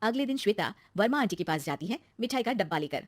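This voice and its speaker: A woman narrating a scripted cartoon story for kids with brisk, clear storytelling. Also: medium pitch, lively intonation, dry recording, clean studio sound.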